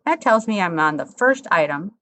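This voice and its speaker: A woman instructor talking through a software tutorial step by step, in a conversational, explanatory way. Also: on the low side, expressive, moderate pace.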